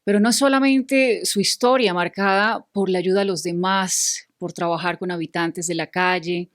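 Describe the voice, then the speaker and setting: A woman hosting a TV interview, speaking in a measured, serious way. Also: fairly low pitch, steady tone, dry recording, studio quality. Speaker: interviewer host. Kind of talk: TV interview with news-style introduction.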